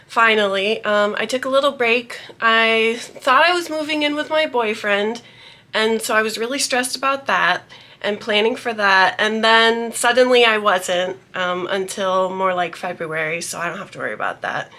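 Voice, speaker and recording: A woman's voice: fairly high pitch, moderate pace, sharp tone. A young woman vlogger chatting casually about beauty tips, her voice a little nasal from a cold, rambling with many ums. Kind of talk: casual chat to camera.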